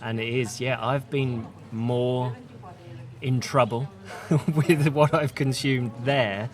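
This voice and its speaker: A man's voice: medium pitch, steady tone, slow pace, crowd noise. A man co-hosting a podcast, talking casually and with some hesitation. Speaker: podcast co-host. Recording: music playing in the background.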